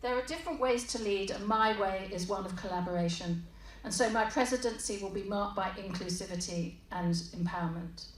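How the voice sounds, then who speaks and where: A woman giving a calm, measured campaign speech as a candidate at a hustings. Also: medium pitch. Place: large hall with an audience. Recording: echoey room from far off.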